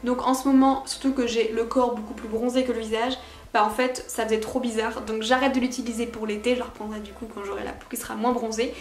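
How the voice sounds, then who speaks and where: A woman's voice: on the high side, flat delivery, fast talker, roomy sound. A woman chatting casually and frankly through a beauty product review, laughing at herself now and then. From France. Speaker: beauty vlogger.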